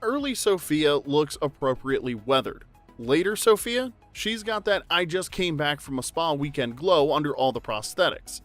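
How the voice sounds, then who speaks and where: A man's voice: on the high side, sing-song, moderate pace, a bit bright, soft background music. A man narrating a trivia video in an upbeat, jokey, conversational way. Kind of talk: scripted narration.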